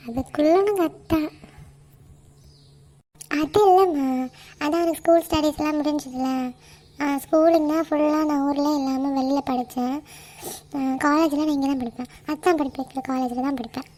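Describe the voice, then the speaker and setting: A woman's voice: high voice, fairly even intonation, brisk, dark tone, lightly acted. A woman voicing an eager, bubbly young woman in a cartoon, who talks in a pleading way. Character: young woman, eager, pining for her cousin. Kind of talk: cartoon voice acting.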